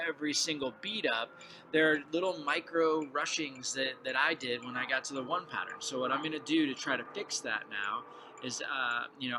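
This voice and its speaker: A man's voice: medium pitch, noisy background. A man teaching a drumline clinic, explaining exercises and calling count-offs before he plays. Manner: counts off loudly before playing. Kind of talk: percussion lesson.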